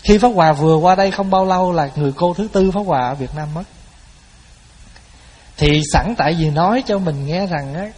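A man delivers a Buddhist dharma talk as a sermon, telling folksy stories and speaking straight to his listeners. His voice is a little high, brisk, darkish and husky, heard in a hall with long reverb.

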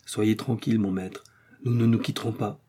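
A man reading an audiobook, voicing an eager, loyal young male servant with a cheerful, excited manner. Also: on the low side, normal speed, husky.

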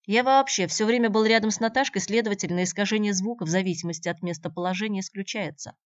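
A woman's voice: mid-range voice, fast talker, no echo, pitched above the performer's own voice, lightly acted. A woman voicing a jealous, argumentative young man who speaks heatedly, in a dull, dry recording. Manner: heated, indignant.

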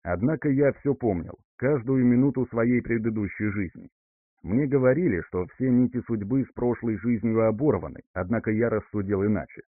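A man voicing a calm reborn young man, steady. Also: mid-range voice, moderate pace, no room sound, close to an everyday voice. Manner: composed, level-headed. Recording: dry, phone-like narrow band.

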